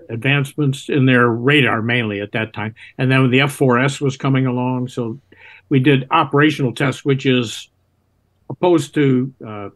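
Older American man reminiscing, halting delivery. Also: medium pitch. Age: 70s. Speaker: interview guest, retired Navy test pilot. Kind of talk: reminiscing in conversation. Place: home room indoors. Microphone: video call, computer microphone.

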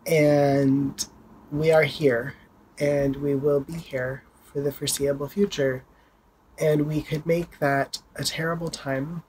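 A vlogger talks casually to the camera from home, rambling a little while holding items up to show them. The voice sits at a middle pitch. A faint hiss of room noise stays in the background. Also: a little mellow, rough recording. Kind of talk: casual video update. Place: home, indoors.

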